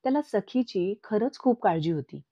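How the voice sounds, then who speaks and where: A woman's voice: mid-range voice, expressive, normal speed, warm tone, husky, no room sound. A woman voicing a domineering, scheming widowed mother who gives commands. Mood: commanding. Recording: dull lo-fi recording.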